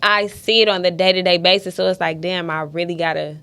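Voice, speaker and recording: A woman co-hosting a casual podcast chat, blunt and frank, with quick interjections. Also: fairly low pitch, fairly even intonation, sharp tone, smooth.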